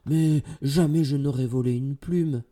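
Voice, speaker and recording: A man voicing a brave, excitable young girl in a storybook tale, crying out in alarm. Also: mid-range voice, a little slow, creaky, husky, voice pushed up, exaggerated voice. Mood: protesting. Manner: cries out in alarm.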